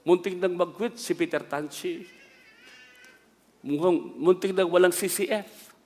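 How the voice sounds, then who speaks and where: A middle-aged Filipino man, a bishop, preaching a sermon with personal stories, often asking "Amen?" and shifting between quiet asides and loud exclamations. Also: high-pitched, unhurried, in a large hall. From Philippines.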